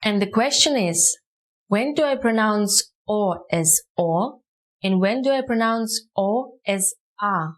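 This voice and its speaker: A woman's voice: a little high, animated, a little slow, rough recording. A woman whose first language is Russian, teaching a short language lesson and spelling words out syllable by syllable. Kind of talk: slow, careful language lesson.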